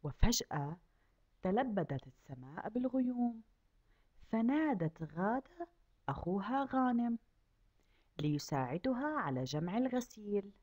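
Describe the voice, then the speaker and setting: A woman teaching a kindergarten class, asking the children questions and drawing out each word slowly so they can repeat it. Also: on the low side, a little mellow, slightly rough. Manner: asks children questions and stretches out words slowly to model them. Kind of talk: lesson for young children.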